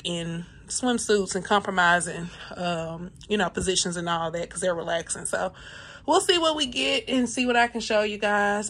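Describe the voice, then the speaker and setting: A woman's voice: medium pitch, fairly bright tone, husky. Chatty woman vlogging from a cruise ship. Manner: chatty and candid, talks straight to viewers. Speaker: travel vlogger. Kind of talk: casual vlog with voice-over. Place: on a cruise ship, cabin and open deck. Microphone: phone held at arm's length.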